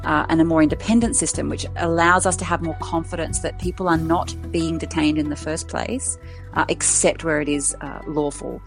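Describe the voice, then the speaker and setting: A woman giving measured, articulate formal comment as a legal expert in an interview. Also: low-pitched, fairly even intonation, music in the background.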